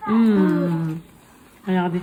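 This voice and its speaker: A woman vlogging casually on her phone at home, chatty and excitable, talking straight to her followers and laughing often. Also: fairly low pitch, drawn-out words, phone-quality sound, noisy background. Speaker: lifestyle vlogger. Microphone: phone held at arm's length.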